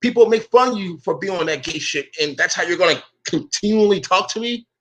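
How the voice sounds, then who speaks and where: A brisk, high male voice with lively intonation and a fairly bright tone drives this angry vlog rant. As an online commentator, he swears, squares off with his rivals by calling them "bro," and says he addresses everyone in the same voice.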